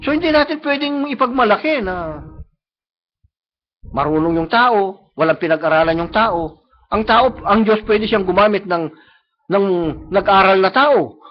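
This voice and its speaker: A man with a Filipino accent preaching a sermon, often checking in with the congregation and slowing down to stress quoted lines. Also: high voice. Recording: muffled live-stream recording.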